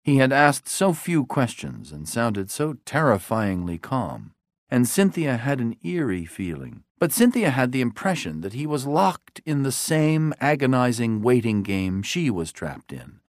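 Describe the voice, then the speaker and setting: A male narrator reading a dramatic story in a measured way. His mid-pitched voice moves with lively intonation and drops low on dialogue tags. The recording is dry and close. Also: dry recording.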